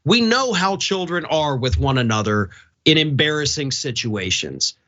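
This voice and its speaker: Bright, emphatic male co-host, slightly high. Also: lively intonation, normal speed, highs cut off. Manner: emphatic, disapproving. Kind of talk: opinionated conversational commentary.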